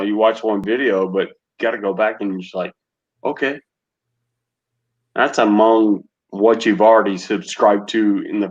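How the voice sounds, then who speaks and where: A man's voice: fairly low pitch, no echo. An easygoing man chatting casually as a live stream guest, laughing often. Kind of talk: casual chat. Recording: dull lo-fi audio.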